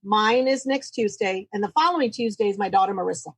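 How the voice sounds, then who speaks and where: A woman of sixty-nine, a guest chatting warmly about her marriage, quick to laugh and joke about herself. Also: mid-range voice, slightly rough, low-quality recording. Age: 60s. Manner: chatty, laughing, self-joking. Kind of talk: casual interview chat.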